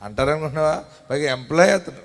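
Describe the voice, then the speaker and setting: Speaking fast and expressively in a voice on the high side, a Telugu-accented pastor delivers his sermon. He alternates loud shouted appeals to the congregation with quieter personal anecdotes.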